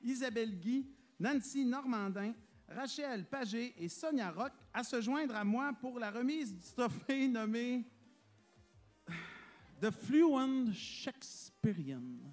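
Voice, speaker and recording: A man's voice: very high voice, unhurried, faint music behind. A man presenting school awards, joking about himself and laughing between the names. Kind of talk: joking ceremony announcing. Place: school auditorium.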